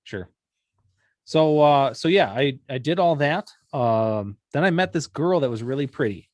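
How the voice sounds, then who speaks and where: A man's voice: mid-range voice, expressive, unhurried, a little mellow, dry recording. A young man from Wisconsin co-hosting a podcast, chatting casually and teasing with joking banter. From Wisconsin, USA. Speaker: podcast co-host. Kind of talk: casual chat.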